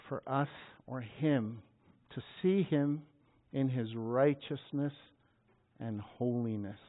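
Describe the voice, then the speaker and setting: A man preaching a sermon, reading scripture and bursting into loud, dramatic cries at the high points. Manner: dramatic, shouting scripture at peaks. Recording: tinny phone-like sound.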